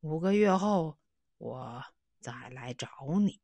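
A woman voicing a kindly old man, soft and low. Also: expressive, slow pace, vocal fry, no room sound, exaggerated voice. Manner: gentle, reassuring. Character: kindly thin old man in a tall hat.

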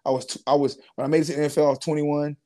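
Rapid-fire and fairly high-pitched, a man in his twenties who once played pro football tells his story in a casual interview. He keeps it relaxed and slangy, with frequent fillers and restarts.

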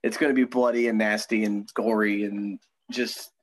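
A man's voice: fairly low pitch, level tone, normal speed, no room sound, rough recording. A young man co-hosting a podcast in casual chat, talking easily with frequent ums and laughs. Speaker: podcast co-host. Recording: dry close sound.

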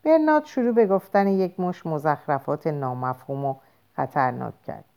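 A woman narrating a novel aloud in a measured, expressive storytelling voice. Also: low voice. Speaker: audiobook narrator. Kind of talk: scripted narration.

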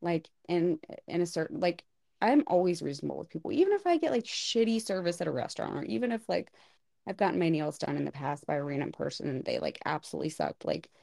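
A woman's voice: fairly low pitch, big pitch swings, fast talker, gravelly, mellow, dry recording, studio quality. A woman co-hosting a podcast about hair styling, chatting casually and animatedly with lots of filler words. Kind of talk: casual chat.

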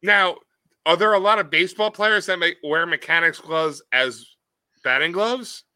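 A man chatting and riffing in a comedic podcast, acting out silly voices as he tells bits. His voice is very bright and a little high for a man. The sound is dry and close to the mic. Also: normal speed, smooth, dry recording. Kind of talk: casual comedic chat.

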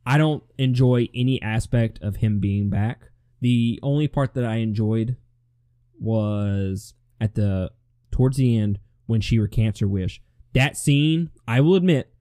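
Male co-host, mid-pitched voice, dry close sound, casual and opinionated. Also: no room sound. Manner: relaxed, opinionated, stumbles into restarts. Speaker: co-host reviewing a movie. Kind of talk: casual review chat.

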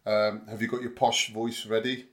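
Low-voiced man rambling as podcast host. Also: little pitch movement, moderate pace. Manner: rambling, hesitant with many fillers and restarts. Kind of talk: casual chat.

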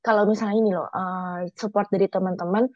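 A woman, a florist chatting casually as an interview guest, telling a story in a lively way. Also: medium pitch, brisk, no echo. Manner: chatty storyteller, acts out quotes. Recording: dull, dry lo-fi recording.

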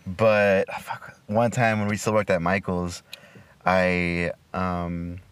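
A man in his twenties chatting casually as a podcast co-host, slangy and crude, with halting phrasing. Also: sits low, flat delivery. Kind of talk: casual chat between friends, with swearing. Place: inside a car. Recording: noisy, recorded inside a car.

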